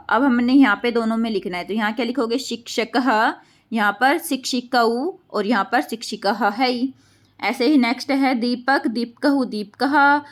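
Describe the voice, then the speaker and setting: A woman teacher patiently going through a school worksheet, repeating word forms and talking to her pupils as children. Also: on the high side.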